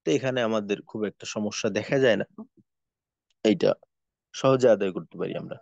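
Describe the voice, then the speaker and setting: A man teaching a class on pronouncing Arabic letters, explaining each sound slowly and then modelling it syllable by syllable. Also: on the low side, gravelly, darkish tone, no room sound, lo-fi sound. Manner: slow, careful, demonstrates letter sounds syllable by syllable. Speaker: Quran recitation teacher. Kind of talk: online tajweed lesson.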